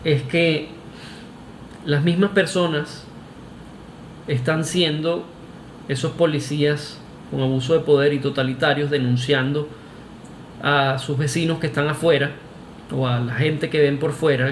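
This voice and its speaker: A man's voice: on the high side, steady tone, normal speed, pauses often, roomy sound, a little hiss or hum. A Venezuelan man with a Venezuelan Spanish accent, giving an emphatic, argumentative opinion monologue to camera, with restarts and "este" fillers. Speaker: vlogger.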